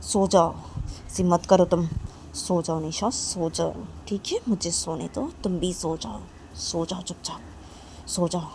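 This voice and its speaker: A woman's voice: on the low side, unhurried, gravelly, darkish tone, a little hiss or hum. A woman voicing a stern young mother who scolds firmly and repeats her orders again and again. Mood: stern scolding.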